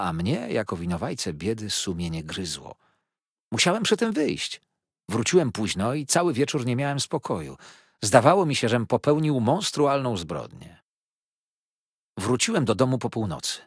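A man narrating a literary audiobook in the first person, with expressive storytelling. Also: lowish voice, slightly rough, dry recording, studio quality.

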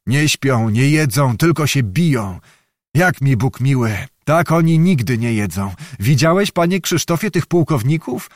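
A man's voice: mid-range voice, animated, measured pace, no echo, studio quality, close to an everyday voice. A man voicing a hungry, complaining old nobleman, a provincial governor and veteran soldier, in a raised voice. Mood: grumbling. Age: older. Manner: querulous, complaining, exclamatory.

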